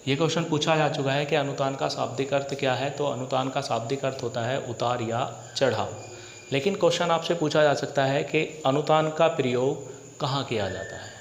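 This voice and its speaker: A man's voice: medium pitch, slight background noise. Man teaching in an echoey classroom. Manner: asks rhetorical questions and answers them himself; repeats key points slowly. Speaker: Hindi teacher. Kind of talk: classroom lecture for exam prep.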